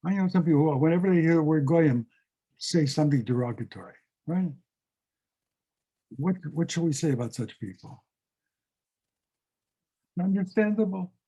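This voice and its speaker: A man teaching as a rabbi, talking through the material in a reflective, conversational way. His voice sits a little high yet sounds soft and mellow. He comes through a video call. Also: slightly rough, poor audio. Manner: reflective, repeats his questions.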